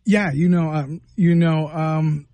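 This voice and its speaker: Lighter-pitched, mellow man on radio. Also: fairly even intonation, slow, dry recording. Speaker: radio co-host. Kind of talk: casual radio chat. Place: radio studio. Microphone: close studio microphone. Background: faint music.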